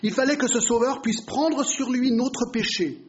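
A man's voice: very high-pitched, unhurried. A man giving a Bible teaching sermon, explaining and putting rhetorical questions to his listeners. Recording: dull lo-fi recording.

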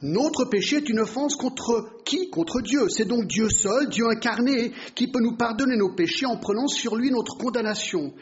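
High-voiced man teaching the Bible. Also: moderate pace, hardly any pauses, a little hiss or hum. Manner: explanatory, asks the listeners rhetorical questions. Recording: dull lo-fi recording.

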